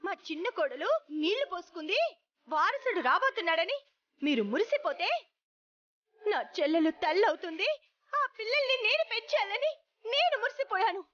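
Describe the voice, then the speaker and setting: An actress playing an angry woman who shouts and accuses a relative in a TV serial, on dull TV audio. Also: extremely high pitch, sing-song, normal speed, long pauses, no room sound, heavily acted. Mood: bitter accusing. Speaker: Gundamma, accusing daughter-in-law. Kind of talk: Telugu TV serial acting.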